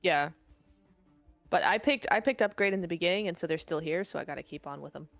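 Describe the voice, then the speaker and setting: A woman co-hosts a live esports stream in a relaxed, casual way. She answers mostly in short quips with dry humor. Her voice sounds close and dry, with no room echo. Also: lowish voice, fast talker, vocal fry, soft background music. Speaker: co-host of an esports watch party.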